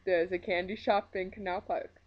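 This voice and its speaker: A woman's voice: lowish voice, steady tone, moderate pace, dull audio. A woman with a Minnesota accent giving a casual, opinionated book review rant, emphatic, blunt and joking in her exasperation. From Minnesota, USA.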